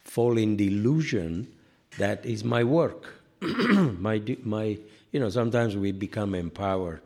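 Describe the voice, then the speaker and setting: An older man with a deep, low voice teaches a relaxed spiritual class. He wanders through stories, filling his talk with "you know" and chuckling at his own self-mocking jokes. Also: measured pace. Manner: rambling, anecdotal, many "you know" asides; self-deprecating humor, laughs at own jokes. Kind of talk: informal scripture class sermon.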